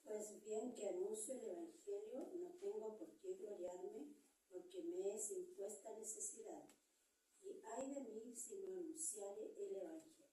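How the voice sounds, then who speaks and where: A woman from the congregation reading a Bible passage aloud in a plain, even way. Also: mid-range voice, unhurried. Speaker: congregation member reading scripture. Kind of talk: scripture reading. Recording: distant mic in an echoey hall.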